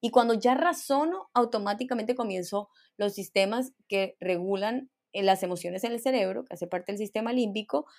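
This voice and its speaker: A woman guest expert calmly explaining emotional skills in a podcast interview, laying out steps one by one. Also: mid-range voice, normal speed, few pauses. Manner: calm and instructive, lists steps.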